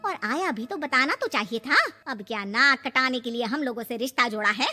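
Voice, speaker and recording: A woman's voice: a little high, expressive, a little fast, bright, forceful tone. An indignant middle-aged mother, played by a woman in a comic family story. She admonishes in a bossy, scolding way. Long reverb surrounds the voice, with music underneath. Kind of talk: dramatized Hindi family comedy story.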